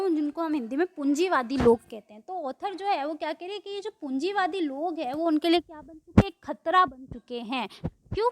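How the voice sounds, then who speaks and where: Speaking in a high voice, a woman teacher explains a poem one line at a time. She reads the English lines slowly, then gives her explanation in Hindi, asking questions and answering them herself.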